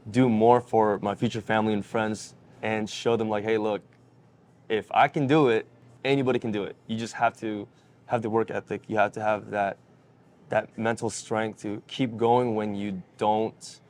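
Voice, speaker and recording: A man's voice: on the low side, level tone, normal speed, a little mellow. A man from the Philippines, an executive chef, coaching a beginner through cleaning fish in a direct, teasing way in a restaurant kitchen. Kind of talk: casual instruction.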